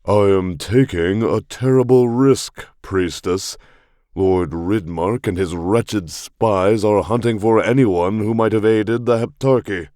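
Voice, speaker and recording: Guy putting on a pompous scheming lord for an audiobook, commanding, deep and dry. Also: slow, darkish tone, no room sound. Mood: pompous, demanding.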